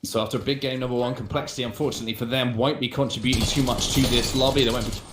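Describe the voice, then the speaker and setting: A man's voice: mid-range voice, fairly even intonation, rapid-fire, echoey room, background noise. A man commentating live on an esports match as one of its casters.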